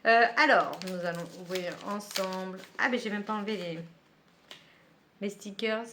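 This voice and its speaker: A woman's voice: medium pitch, moderate pace, bright, forceful tone, a little hiss or hum. A woman book vlogger chatting casually at home while she unboxes a book subscription box, with many fillers and small laughs.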